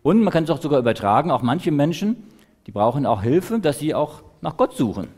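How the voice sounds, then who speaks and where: A man telling a story to children during a church service, in a lively, animated way. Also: fairly high pitch, a little fast.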